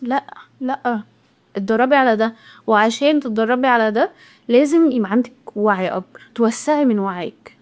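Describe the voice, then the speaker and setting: Fast-talking Egyptian woman giving self-help advice. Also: a little high. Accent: Egyptian Arabic. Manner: chatty, direct, talks straight to the viewer. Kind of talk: casual motivational talk to women.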